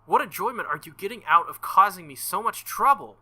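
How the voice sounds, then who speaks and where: A man's voice: high voice, animated, a little fast, pushed and bright, breathy edge, voice pushed up, full character voice. Man voicing Saber, a stern, earnest young woman knight. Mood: stern, scolding. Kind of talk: visual novel dialogue read aloud.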